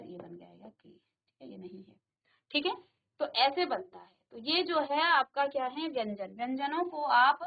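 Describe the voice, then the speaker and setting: Brief: woman teacher, high voice, patient and repetitive, slightly dull studio sound. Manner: patient, repeats questions and addresses students directly. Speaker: Hindi teacher. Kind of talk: virtual classroom lesson. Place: studio classroom.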